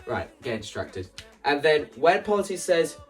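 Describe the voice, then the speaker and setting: A video creator's casual, explanatory vlog about staging a musical, with soft background music and a distant mic. His voice is on the high side with big pitch swings, at normal speed, and he rambles enthusiastically, breaking into his own sentences and acting out quoted lines.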